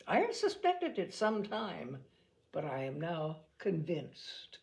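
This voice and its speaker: Middle-aged father for a period storybook, read by a woman: cool, measured, dryly ironic and sardonic. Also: fairly low pitch, wildly swooping pitch, creaky, heavily acted.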